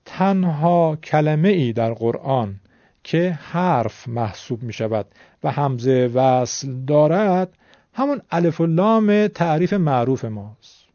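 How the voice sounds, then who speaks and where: Patient male teacher, dark lo-fi voice. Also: on the high side, animated, no echo. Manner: patient, addresses viewers politely. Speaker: Quran recitation teacher. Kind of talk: explanatory lesson.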